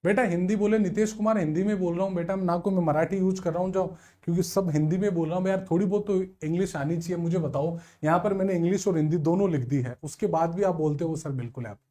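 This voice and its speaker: A man's voice: sits high, quick pace, few pauses. A young man teaching a live online exam coaching class, explaining reasoning problems step by step and quizzing his students with rhetorical questions. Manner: lively, addresses students as sir, beta and bhaiya, rhetorical questions.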